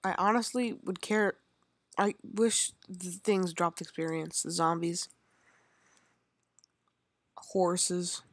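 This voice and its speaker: Young woman rambling over her gameplay, lowish voice, dry close mic. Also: measured pace, no echo. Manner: chatty and rambling, talks to herself while playing. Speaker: gaming channel host. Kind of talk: casual gameplay commentary.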